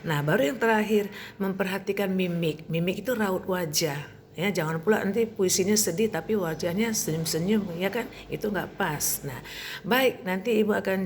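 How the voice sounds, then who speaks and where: A woman teacher explaining a lesson to her pupils in a steady way, often starting with "nah" and ending with "ya". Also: medium pitch, normal speed, slight background noise. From Indonesia. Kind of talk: recorded lesson for pupils on reciting poetry.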